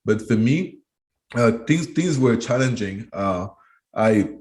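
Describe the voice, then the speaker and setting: This education trainer from Cameroon, in his thirties, has a medium-pitched, slightly mellow voice with lively intonation and a slow pace. Answering interview questions with care, he keeps restarting and repeating words as he works through his thoughts.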